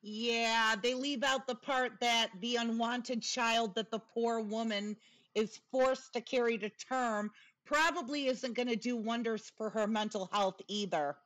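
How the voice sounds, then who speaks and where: A woman's voice: fairly high pitch, steady tone, a little slow, fairly bright tone, low-quality recording. A woman giving casual, opinionated commentary in a blunt, sarcastic way, with a lisp and a whistling s. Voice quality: lisp with whistling s from new dental appliance.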